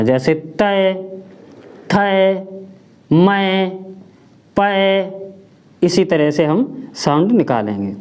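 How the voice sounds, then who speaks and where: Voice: mid-range voice, darkish tone. A teacher giving a step-by-step reading lesson, patiently sounding out each syllable and answering their own questions. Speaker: Hindi teacher.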